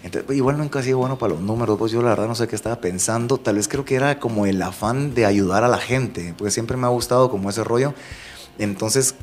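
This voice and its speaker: A man from Bilbao, raised in Guatemala, whose first language is Basque, telling stories in a lively casual interview and acting out the voices he quotes. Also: medium pitch, fast, soft background music. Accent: Guatemalan Spanish. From Bilbao, Spain; raised in Guatemala from age five. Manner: chatty, animated storyteller, acts out quoted voices. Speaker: TV presenter, guest.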